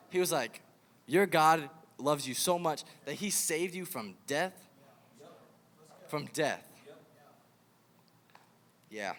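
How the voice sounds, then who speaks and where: A young man giving a casual, animated sermon to kids at a youth camp, telling a Bible story and acting out its characters. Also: on the high side. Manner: animated storytelling, acts out the king. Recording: hall reverb.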